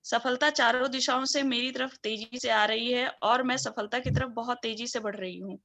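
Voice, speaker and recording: A woman heard over an online video call line, a student in a coaching session reading out her own affirmations, hesitant at first and then steady. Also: fairly high pitch, normal speed. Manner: hesitant, with many fillers before steady recitation.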